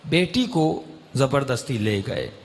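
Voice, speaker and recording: Gravelly preacher in a reverberant hall. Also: male voice, lively intonation. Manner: emotional, rising to impassioned high-pitched bursts. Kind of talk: sermon storytelling.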